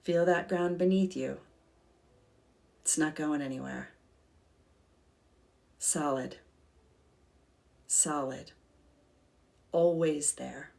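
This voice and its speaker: A woman with a low voice leads a calm grounding meditation at a slow pace. Her delivery is gentle and soothing, with a crackle of vocal fry and long pauses between short phrases. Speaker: guided meditation leader.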